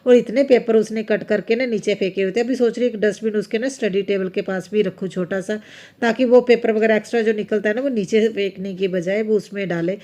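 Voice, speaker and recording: A woman's voice: medium pitch, steady tone, fairly quick, warm tone. A woman in her thirties with a Punjabi-influenced accent, chatting through her home routine in a rambling, homely vlog voice-over. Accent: Punjabi-influenced Hindi. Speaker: homemaker vlogger. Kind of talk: casual voice-over vlog narration.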